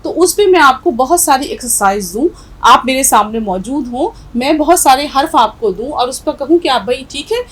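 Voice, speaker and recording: A woman's voice: high voice, lively intonation, normal speed, breathy edge, rough recording. A middle-aged woman teaching a recorded language lesson, patiently repeating letter drills. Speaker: Urdu teacher.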